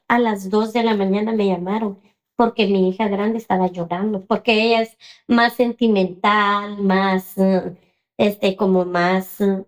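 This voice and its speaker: A woman, telling her own story in an interview with hesitant pauses and many fillers. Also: mid-range voice. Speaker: interview guest.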